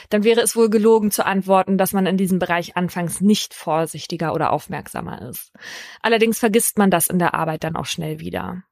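A woman's voice: medium pitch, no room sound. Woman narrating a crime story, dry sound. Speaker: true crime podcast host. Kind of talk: scripted first-person narration of a case.

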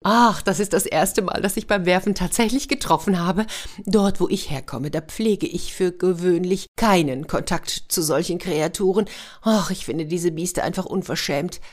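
A woman voicing a genteel, fussy orchid lady in a children's story, lifting her voice higher. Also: moderate pace, lightly acted. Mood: delighted. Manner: genteel and prim.

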